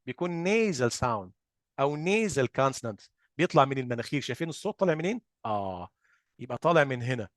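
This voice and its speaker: The speaker is a man with an Egyptian Arabic accent and a mid-range voice, leading an explanatory phonics lesson. Questions he asks, he answers himself, and he lengthens example sounds to demonstrate them. The audio is clean studio sound with no room noise.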